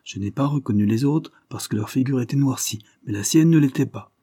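A man's voice: medium pitch, fairly quick, warm tone, slightly rough, dry recording, clean studio sound, pitched above the performer's own voice, natural voice. A man voicing an emphatic accuser who swears to what he saw, in an audiobook reading. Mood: insistent. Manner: insistent, emphatic.

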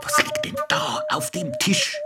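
A man's voice: extremely high pitch, completely flat delivery, unhurried, heavy background noise. An actor playing Kasperl, a cheeky, talkative male puppet jester who chats and argues with himself in a children's radio play. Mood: curious. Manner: chatty, argues with himself, playful. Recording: radio play with music behind.

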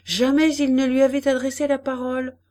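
A woman's voice: high voice, flat delivery, brisk, a little mellow. A woman narrating an audiobook expressively, acting out each character. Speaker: audiobook reader.

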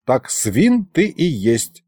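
A man's voice: mid-range voice, wildly swooping pitch, takes it slowly, dark tone, slightly rough, no echo, studio quality, heavily acted. A man voicing a cantankerous old male wizard spirit who scolds and shrieks in a folksy way. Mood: bossy.

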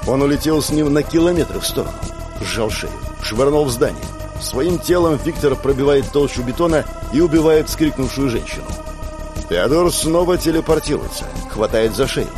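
A man narrating an action audiobook in a tense, clipped storytelling manner, with music playing underneath. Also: mid-range voice. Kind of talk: scripted dramatic narration. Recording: narration over background music.

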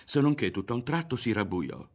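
A man reading a novel aloud as an audiobook, in a measured, dramatic way. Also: medium pitch, sing-song. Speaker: audiobook reader. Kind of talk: scripted narration of a novel.

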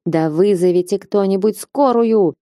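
Дерзкий молодой парень, которого читает женщина в аудиокниге, огрызается с вызовом. Голос мягкий и тёплый, запись сухая и близкая. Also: female voice, medium pitch, unhurried, mellow, no room sound, studio quality, lightly acted. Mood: defiant. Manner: defiant, tense. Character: brash young man ready to fight.

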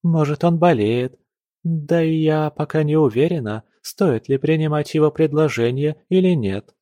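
A man voicing a spoiled, haughty young noble daughter who speaks in a shrill, indignant, sharp-tongued way. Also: normal speed, no room sound, lightly acted.

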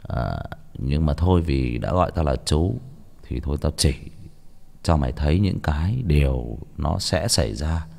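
A man's voice: a bass voice, lively intonation, moderate pace, vocal fry, mellow. A young man reading a story as a casual, rambling monologue, often stammering and repeating words. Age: young adult. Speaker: audiobook reader.

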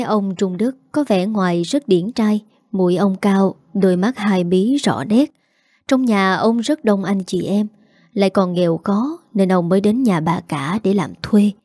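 A woman narrates a story in a calm, steady manner. Her voice is warm and mellow, recorded dry and close with no room sound. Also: medium pitch, no room sound.

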